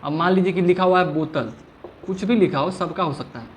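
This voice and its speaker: A man with a high, slightly quick voice leads a classroom grammar lesson, and the recording carries a faint hiss or hum. He keeps asking the same question, stretches sounds out to show how they're pronounced, and checks often that students understand.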